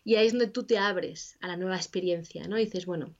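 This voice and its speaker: Woman, interview guest, expressive explainer, slightly muffled recording. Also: fairly low pitch, fairly quick. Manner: animated, acts out quoted inner voices. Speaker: interview guest, grief specialist. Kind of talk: conversational explanation.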